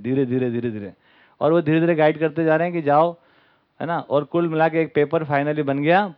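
Male camp speaker, satirical storyteller, higher voice, muffled lo-fi recording. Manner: satirical, acts out the people in his stories. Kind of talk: storytelling lecture to an audience. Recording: dull lo-fi recording.

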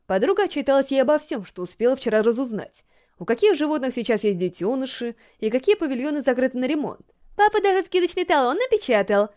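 High, expressive woman storyteller. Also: fast talker. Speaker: audiobook reader. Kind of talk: storybook narration.

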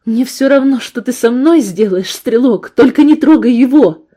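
A woman's voice: fairly high pitch, lively intonation, a little slow, warm tone. A woman voicing a frightened young woman who pleads desperately with her abuser in an audiobook. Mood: desperate pleading.

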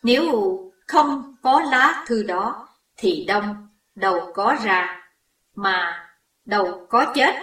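A woman's voice: medium pitch, lively intonation, slow, pushed and bright. A woman voicing a distraught young woman who is grieving and furious, recorded in a roomy space away from the mic. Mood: anguished accusing. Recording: roomy echo, distant mic.

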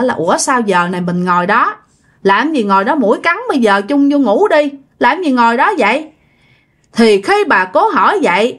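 A woman with a Southern Vietnamese accent telling a story in a chatty way, talking straight to her listeners. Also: medium pitch. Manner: chatty, addresses listeners directly, many fillers. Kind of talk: casual spoken storytelling.

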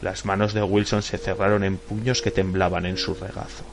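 A low, gravelly male voice narrates a horror audiobook in a measured, suspenseful way. Faint music plays quietly underneath the reading. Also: little pitch movement. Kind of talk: scripted horror story narration.

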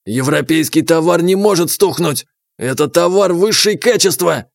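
A man's voice: on the high side, normal speed, gravelly, no echo. A man doing a fussy treasurer with a German accent. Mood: indignant. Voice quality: clipped, broken grammar. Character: fussy German male treasurer, pedantic, shrill when cornered.

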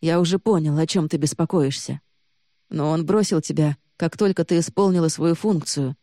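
A woman's voice: low voice, moderate pace, no room sound, studio quality. A woman voicing a stern young man, accusing. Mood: angry. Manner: harsh and reproachful, then hushed and urgent. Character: young man, accusing, then desperately protective.

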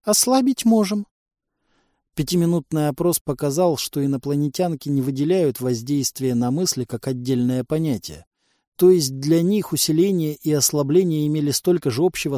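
A man's voice: fairly high pitch, mellow, dry recording. A man narrating a first-person audiobook in a dry, ironic manner.

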